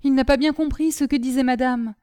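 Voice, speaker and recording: A woman voicing a gentle, devoted young servant sister who speaks in a tender, pleading way. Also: high voice, fairly even intonation, brisk, clean tone, dry recording, studio quality, close to an everyday voice.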